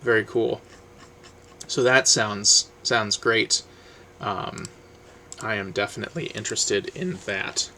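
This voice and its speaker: A man vlogging about books in a rambling, casual way, full of ums and trailing off quietly. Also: on the low side, slow pace, pauses often, slight background noise. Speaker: book vlogger. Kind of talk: casual book review chat, reading blurbs aloud.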